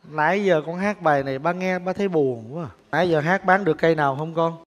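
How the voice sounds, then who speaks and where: A man's voice: on the high side, fast, lightly acted. An actor playing a poor street-singer father, speaking with a coaxing, tender manner. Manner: coaxing, tender, then loud and frantic. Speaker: actor in a staged skit. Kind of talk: sentimental stage drama. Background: music.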